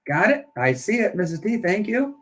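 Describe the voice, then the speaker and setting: A man's voice: high voice, big pitch swings, moderate pace, fairly bright tone. A man hosting a live coin auction, chatting and joking while he counts down bids. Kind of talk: casual live-stream auction chat.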